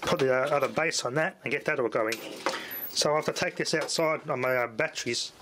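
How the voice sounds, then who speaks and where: A hobbyist vlogger testing radios talks casually through a hands-on demo, rambling and muttering to himself as he works. His mid-range voice moves a little fast, and the recording is loud with noise and handling clicks.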